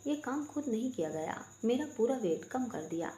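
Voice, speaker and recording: A woman's voice: fairly high pitch, very animated, moderate pace, dark tone, slight background noise. A woman voicing a playful, teasing young woman in a family storybook tale. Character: lively teasing young woman, bride's friend.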